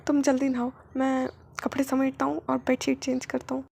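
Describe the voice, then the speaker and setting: Brief: woman voicing a teasing, possessive husband, insistent, gravelly. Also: high-pitched, completely flat delivery, brisk, darkish tone, full character voice. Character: possessive, teasing adult man. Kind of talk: reading a fan story aloud.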